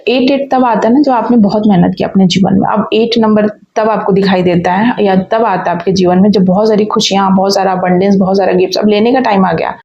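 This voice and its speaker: A woman reads tarot cards for her viewers in a mid-pitched voice. She talks emphatically, circling back and repeating phrases. The recording sounds slightly dull and muffled. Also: gravelly, mellow. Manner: emphatic and repetitive, often restarting phrases. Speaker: tarot reader. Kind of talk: tarot reading spoken to viewers.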